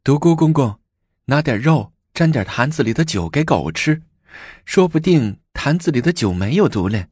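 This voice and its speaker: A man puts on a scheming empress for a storybook reading, his voice lifted higher and lively as she coaxes and commands. The sound is husky and close, with a dry, dead room. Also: normal speed, no room sound. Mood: commanding. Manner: coaxing and commanding. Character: scheming shrewd empress, commanding young woman.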